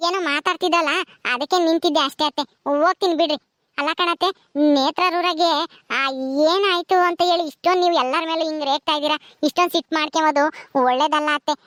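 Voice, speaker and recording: A woman playing a soft-spoken young village daughter-in-law who pleads and soothes. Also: extremely high pitch, steady tone, fast talker, no room sound. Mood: pleading.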